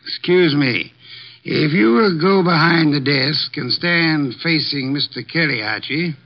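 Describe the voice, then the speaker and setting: A slightly high, slightly slow male voice comes from an actor playing a pompous, commanding detective in a 1950s radio drama. He speaks in formal, pedantic sentences and sounds short of breath, heard on a muffled old broadcast recording.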